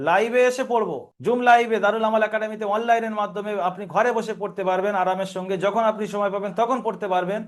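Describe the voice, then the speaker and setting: High-voiced man teaching Quran reading. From Bengal region of India. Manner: patient, step-by-step drilling, asks and answers himself. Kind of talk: online lesson.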